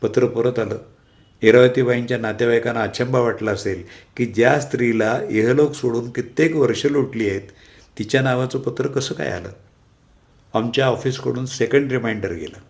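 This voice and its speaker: A man narrating a story aloud in a calm, measured manner. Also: mid-range voice. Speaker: story reader.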